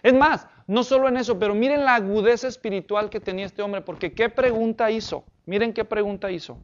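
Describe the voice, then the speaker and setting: A man's voice: high-pitched, a little fast, lo-fi sound. A man preaching a sermon as pastor, emphatic and often asking the congregation questions.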